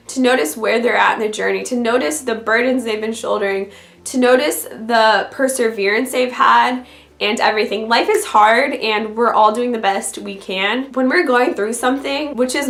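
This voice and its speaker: A woman with a voice raspy from being sick, talking directly and conversationally as a video blogger giving encouraging faith advice. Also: a little high, a bit bright. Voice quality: raspy from illness. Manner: direct, conversational address to the listener. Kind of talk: scripted-feeling encouraging faith vlog talk to camera. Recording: roomy, echoey sound.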